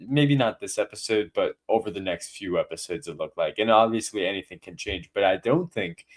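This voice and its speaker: Man, podcast host, low voice, casual chat, playful, joking. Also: fairly quick.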